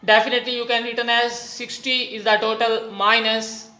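A maths teacher with a Pakistani accent giving a whiteboard lesson in halting, piecemeal phrases, voice of unclear sex. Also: mid-range voice, level tone, bright, forceful tone. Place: indoors at a whiteboard. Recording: echoey room.

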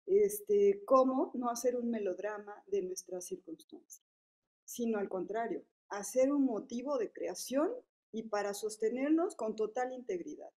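Fifties woman, Mexican accent, conversational panel speaker, filler-heavy, slightly high voice, dark warm timbre. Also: a little slow. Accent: Mexican Spanish. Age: 50s. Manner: chatty, many fillers and tag questions. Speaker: panelist at a public policy forum. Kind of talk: forum talk, conversational.

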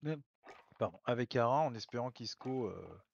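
A man's voice: mid-range voice, expressive, moderate pace, vocal fry, a little hiss or hum. Gamer guy on squad voice chat, teasing banter, slightly muffled line. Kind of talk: casual gaming chat.

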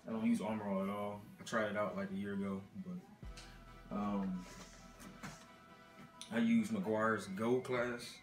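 Speaking into a laptop mic in his dimly lit living room, a young man from Texas talks casually about car care products, his fairly low voice level and a little slow, with frequent pauses and plenty of fillers. The room is echoey, faint music plays behind him, and the recording is rough.

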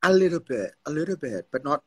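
Slow, husky young man from Thailand. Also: on the high side, big pitch swings, fairly bright tone. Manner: playful, drawn-out food demonstration with a running commentary. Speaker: livestream host. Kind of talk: casual livestream chat. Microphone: phone.

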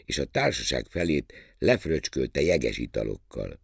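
An older man reading an audiobook aloud in a lively, theatrical way. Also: very deep voice, vocal fry, slightly rough, no room sound, clean studio sound. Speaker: audiobook narrator.

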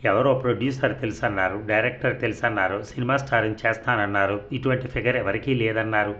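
A man's voice: fairly low pitch, fairly even intonation, fast, fairly bright tone, highs cut off, natural voice. A man voicing a wronged young woman who pleads and threatens through tears. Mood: angry, tearful.

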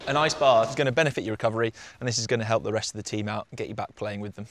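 A man's voice: fairly low pitch, very fast. A man explaining and encouraging like a recovery coach, outdoors by water. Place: outdoors by a pond. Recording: noisy outdoor location sound.

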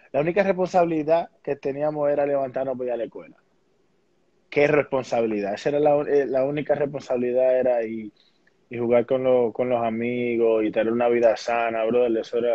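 A young Dominican man with a Dominican Spanish accent appears as a baseball player guest in a calm, conversational interview, speaking at a medium pitch in a calm, measured way and often restarting his sentences. He's on a video call from a small room at home using a laptop webcam. The audio is dull and lo-fi with no room sound.

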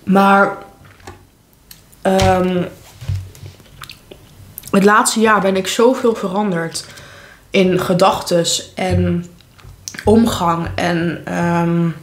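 A woman's voice: fairly low pitch, fairly even intonation, extremely slow, pauses often. A young woman in a casual mukbang vlog, chatting candidly and informally between bites in a room at home. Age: young adult. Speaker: vlogger. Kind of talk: casual chat while eating, mukbang vlog. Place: living room at home, indoors. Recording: echoey room, clear background noise.

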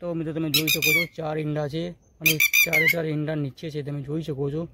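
Filming on a handheld phone, a young man from Gujarat, India, with a Gujarati accent strolls his village rooftop for a casual vlog, narrating what the camera shows and repeating phrases a lot. He speaks quickly at a fairly high pitch that swoops wildly, amid heavy background noise and calling birds.

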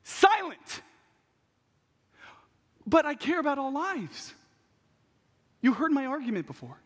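Young male preacher, high animated voice, passionate sermon, big hall reverb. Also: slow pace. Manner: passionate, animated, acts out what people say. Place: large church stage at a pulpit. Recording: long reverb of a large hall.

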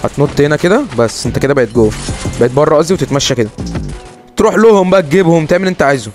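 A man with an Egyptian Arabic accent comments excitedly on his own shooter match, calling out to viewers as he plays. His voice sits a little high for a man. Game music and bursts of gunfire play loudly behind him. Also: racing. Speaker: gaming YouTuber. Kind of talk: live gameplay commentary.

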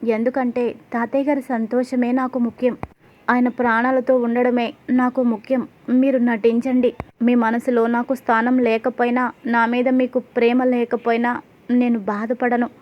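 A woman voicing a young wife who pleads with her husband, in an even, flat reading. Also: on the high side, moderate pace, muffled recording, lightly acted. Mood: resigned.

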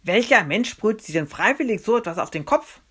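A woman's voice: mid-range voice, lively intonation, fairly quick, husky, pitched above the performer's own voice. Woman doing snooty scolding ghost boy. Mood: huffy. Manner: scolding, huffy. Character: rude bossy ghost boy, scheming and snooty.

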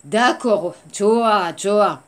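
A woman teaching a French lesson to Korean learners, speaking slowly, repeating words and adding Korean glosses. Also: medium pitch.

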